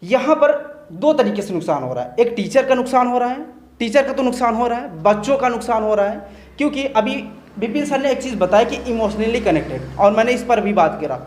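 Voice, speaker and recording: A man's voice: very high-pitched, expressive, fairly quick, darkish tone, echoey room. A man who is a teacher giving his earnest opinion in a discussion, often checking in with listeners as he talks. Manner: earnest, repeats "theek hai" as a check-in.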